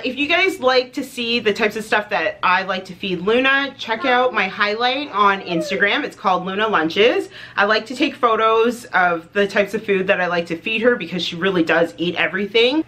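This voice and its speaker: A woman's voice: medium pitch, a bit bright. A woman in her thirties from Canada, chatting casually to camera as a motherhood vlogger, upbeat and full of details. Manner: chatty, upbeat, lists details with light fillers.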